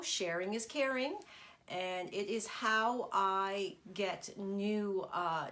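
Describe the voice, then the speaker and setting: During a home craft live stream recorded on a tablet camera, a middle-aged stamping demonstrator chats casually with many ums. A cold leaves her nasal and congested, and her medium-pitched voice has a fairly bright tone.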